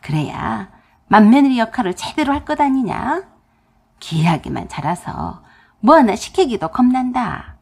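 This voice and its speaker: Brief: woman doing a foxy older mother-in-law in a storybook radio drama, husky and wry. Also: a little high, very animated, unhurried, a little mellow, full character voice. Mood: scheming. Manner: wry, scheming.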